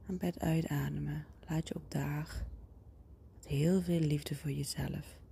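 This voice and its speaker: Low whispering woman, right in your ear. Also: fairly even intonation, gravelly, warm tone, a little hiss or hum. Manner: slow, soothing instructions with pauses. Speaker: guided meditation leader. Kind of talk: guided body-scan relaxation, whispered.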